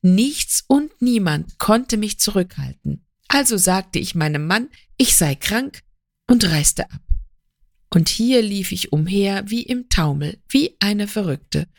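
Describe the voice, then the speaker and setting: A woman reading the part of a remorseful young wife, confessing in a slow, earnest, pleading way. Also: medium pitch, lively intonation, creaky, no echo, clean studio sound, exaggerated voice. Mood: anguished.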